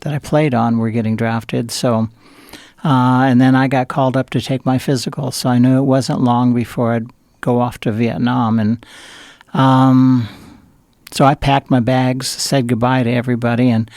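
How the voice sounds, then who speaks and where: In a dry recording, an older man from Southern California recounts meandering stories as an interview guest, stumbling through fillers and restarts. He talks at normal speed, medium pitch and level tone, with a darkish quality.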